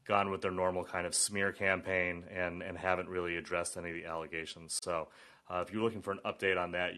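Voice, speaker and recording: An American man hosts a casual political interview. His voice sits a little low with a bright, forceful edge, and he talks haltingly, circling back on phrases. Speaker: political show host.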